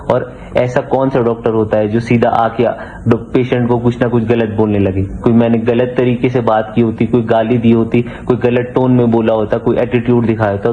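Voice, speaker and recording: A man's voice: medium pitch, lo-fi sound, slight background noise. A man, a doctor, giving an earnest, aggrieved statement on video and repeating phrases for emphasis.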